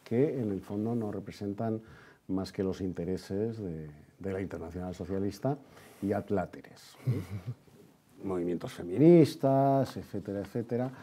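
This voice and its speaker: A man from Spain, speaking with a Spanish accent, hosts and interviews in an opinionated history discussion. His voice is lowish, unhurried and mellow, yet his manner is emphatic and sardonic, and he repeats phrases.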